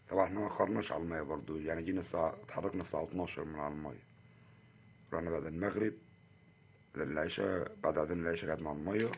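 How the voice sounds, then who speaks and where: A man's voice: very deep voice, gravelly, muffled recording, slight background noise. An Egyptian man with an Egyptian Arabic accent, chatting to viewers in a casual fishing vlog outdoors by a river. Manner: chatty, keeps addressing viewers with pious exclamations. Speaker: fishing vlogger.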